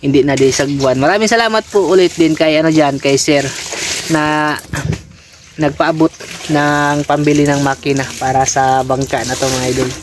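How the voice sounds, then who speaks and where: A man's voice: fairly high pitch, fairly even intonation, normal speed, rough recording. A man casually vlogging outdoors beside a boat under construction, chatting to his viewers and calling them idol again and again. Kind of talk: casual vlog walkthrough. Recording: outdoor recording with clear background noise.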